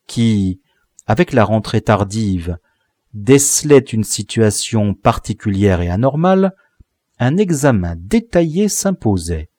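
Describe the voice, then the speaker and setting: A man reading a classic novel aloud as an audiobook narrator, in an expressive storytelling manner. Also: fairly low pitch, breathy edge, no echo, clean studio sound.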